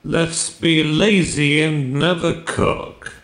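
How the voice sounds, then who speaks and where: A cheeky, judgmental male chatbot, voiced by text-to-speech, teasing sarcastically in a somewhat high, very slow, drawn-out voice. It booms through speakers in an echoey hall. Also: fairly even intonation, very noisy.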